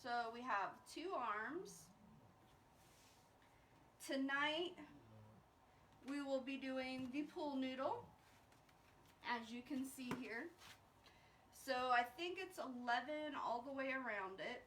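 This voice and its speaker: A fairly high-voiced woman talks unhurriedly through a craft project for her live viewers. Her new microphone makes her sound distant and hollow, as if she were speaking through a pipe. A faint hum of the room sits underneath. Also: expressive, slow pace, long pauses, a bit bright. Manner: chatty, talks viewers through each step while crafting. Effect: muffled sound, as if talking through a pipe. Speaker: craft livestream host. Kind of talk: casual crafting livestream.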